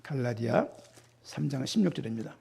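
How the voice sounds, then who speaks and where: A middle-aged man preaching a sermon as pastor, talking in an animated way and putting rhetorical questions to the congregation. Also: mid-range voice, a little fast, creaky, breathy edge.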